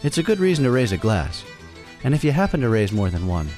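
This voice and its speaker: A man hosting and narrating a scripted story in a wry, dramatic delivery with deliberate pauses. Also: mid-range voice, big pitch swings, darkish tone. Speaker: host and storyteller. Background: music bed.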